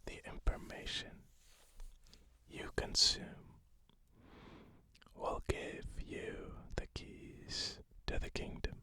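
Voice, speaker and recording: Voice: slow pace, pauses often, pushed and bright. A person whispering an ASMR pep talk of positive affirmations, repeating short phrases. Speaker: ASMR host.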